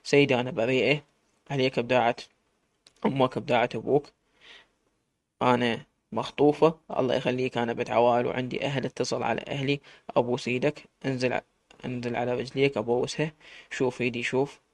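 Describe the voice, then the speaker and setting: A man's voice: mid-range voice, level tone, quick pace, pauses often, no room sound, studio quality, lightly acted. A man with an Iraqi Arabic accent voicing a terrified teenage girl captive who begs desperately. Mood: pleading. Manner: desperate pleading, sobbing words.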